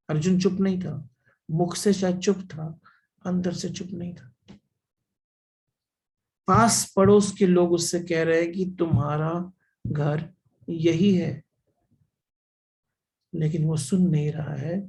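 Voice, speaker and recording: Guy telling a spiritual story real slow, repeats his lines, kinda high voice. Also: fairly even intonation, gravelly, darkish tone, rough recording. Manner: slow, deliberate, repeats phrases for emphasis. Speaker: spiritual teacher.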